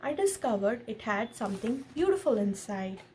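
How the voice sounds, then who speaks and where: A woman with a slightly high voice reads a picture book aloud in an expressive storytelling style, stopping to explain things and ask questions of a child and viewers. Noticeable background noise can be heard.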